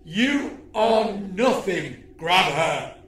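A man's voice: high voice, lively intonation, drawn-out words, fairly bright tone, reverberant, slight background noise, exaggerated voice. A man voicing a gloating male alien villain leader in a storybook reading, speaking with a sneering, mocking manner. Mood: menacing.

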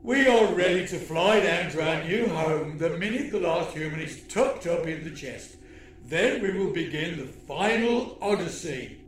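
A man's voice: on the high side, lively intonation, a little slow, reverberant, slight background noise. A man voicing a gloating male alien villain leader in a storybook reading, speaking with a sneering, mocking manner. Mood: menacing.

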